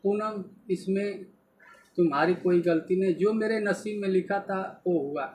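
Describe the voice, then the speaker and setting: A man voicing a grieving, firm woman teacher in a spoken folk story, in a high, slow voice. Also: a little mellow, a little hiss or hum, rough recording. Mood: sorrowful, earnest. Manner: pleading, tearful storytelling voice.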